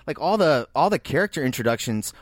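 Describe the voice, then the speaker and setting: A man's voice: a little high, sing-song, fast talker, no room sound. A man in a casual film discussion, talking enthusiastically and pushing back in argument.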